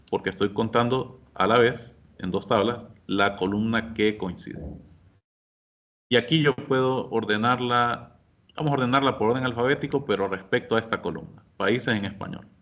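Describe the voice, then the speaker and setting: A man teaching a software class, explaining each step patiently and speaking directly to his students. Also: lowish voice, highs cut off. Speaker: instructor. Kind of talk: screen-share software lesson.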